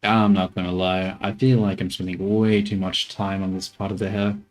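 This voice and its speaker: Streaming while he builds a 3D character, a man jokes and mutters to himself and his chat in casual live commentary. His voice is low and flat, at a normal speed.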